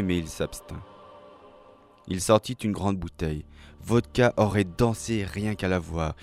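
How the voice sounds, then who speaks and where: A man reading a dramatic story aloud in a slow, measured, expressive way. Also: fairly low pitch. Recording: faint music behind.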